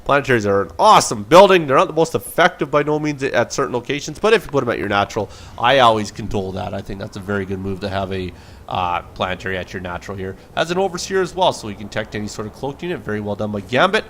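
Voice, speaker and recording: A man's voice: on the low side, fast, a bit bright, slight background noise. A man casting a video game replay with play-by-play commentary, casual and joking. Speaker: game caster.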